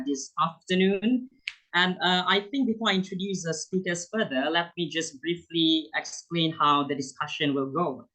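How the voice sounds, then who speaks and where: A young man, a student intern, moderating a virtual panel with formal, halting introductions. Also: a little high, pushed and bright, poor audio. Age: young adult.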